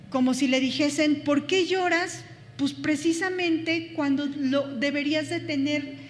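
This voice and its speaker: High-voiced woman teaching a Bible class. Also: long reverb tail, a little hiss or hum. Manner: thinking aloud, many fillers and restarts. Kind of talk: Bible study lecture.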